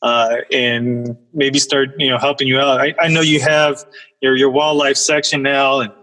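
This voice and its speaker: A man chatting casually as a podcast guest, speaking in a modest, halting and hesitant way. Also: medium pitch, little pitch movement, pushed and bright, low-quality recording. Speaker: podcast guest, pest control technician. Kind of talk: casual chat.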